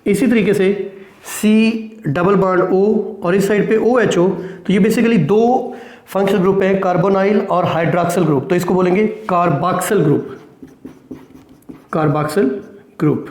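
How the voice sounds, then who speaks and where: High-voiced man teaching chemistry, echoey room. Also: a little mellow. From Pakistan. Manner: asks questions and answers them, frequent "right?"; mixes English technical terms into Urdu-Hindi speech. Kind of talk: classroom lecture at a board.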